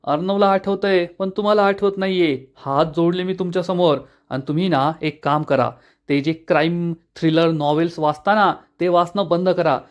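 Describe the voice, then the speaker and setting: A man's voice: on the high side, normal speed, natural voice. A man voicing an irritated middle-aged aunt in a retold TV serial, scolding her husband.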